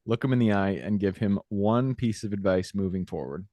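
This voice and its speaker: Man, low voice, upbeat podcast host, agreeable, dry close sound. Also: dark tone, no echo. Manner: upbeat, agreeable, quick interjections. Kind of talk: casual interview.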